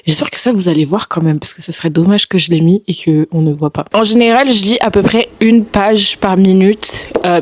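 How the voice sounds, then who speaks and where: A woman's voice: medium pitch, darkish tone. A young woman chatting informally and with youthful slang as a book vlogger, talking straight to her viewers. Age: young adult. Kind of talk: casual vlog chat.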